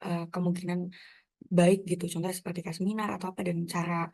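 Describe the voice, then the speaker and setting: A woman's voice: lowish voice, level tone, quick pace, a little mellow. A young woman student interviewing an official, polite and hesitant with fillers. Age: young adult. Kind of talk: casual interview questions.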